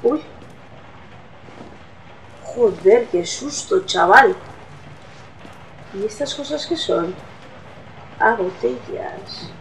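A woman's voice: mid-range voice, lively intonation, drawn-out words, long pauses, recorded from a distance, slight background noise, poor audio. A woman with a Spain accent giving casual horror game commentary, swearing often and easily startled. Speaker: gameplay streamer.

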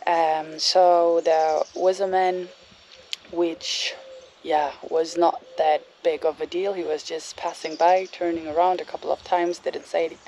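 A woman's voice: deep voice, flat delivery, measured pace, darkish tone, slight background noise. A woman telling a story in a casual vlog from a campsite, hesitant with lots of fillers. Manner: hesitant, many fillers and restarts. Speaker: bicycle traveler vlogger. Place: outdoors at a campsite.

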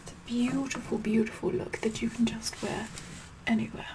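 A woman's voice: a little high, little pitch movement, normal speed, close to an everyday voice. A middle-aged woman playing a sassy, vain, condescending Queen Elizabeth the First in a whispered ASMR roleplay, repeating her words imperiously. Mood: self-satisfied. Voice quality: breathy whispering mixed with soft speech.

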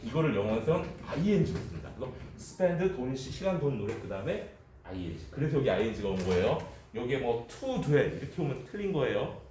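Lively male english teacher lecturing the class, jokey, sounds kinda far off in an echoey classroom with faint room hum. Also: mid-range voice, fairly quick. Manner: lively, jokey, addresses students directly. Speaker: high school English teacher.

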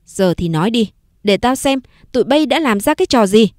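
Bossy old mother-in-law, woman narrator putting her on, short sharp orders, dry close mic. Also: fairly high pitch, animated, a little fast, no echo, close to an everyday voice. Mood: commanding. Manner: curt and commanding.

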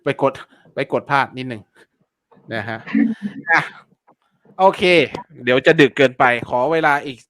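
Brief: man, live-stream teacher, bright forceful voice, chatty and repetitive with polite fillers. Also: mid-range voice, a little slow, pauses often, a little hiss or hum. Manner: chatty, repeats words and fillers, polite particles. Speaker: online seller teaching keyword research. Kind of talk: casual live-stream lesson.

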